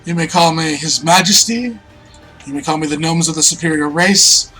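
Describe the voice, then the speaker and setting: A man's voice: fairly high pitch, normal speed, over music, close to an everyday voice, poor audio. A man voicing a portly, self-important male gnome arena boss in a tabletop game, talking in a grandiose manner. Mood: pompous, imperious. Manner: pompous, grandiose.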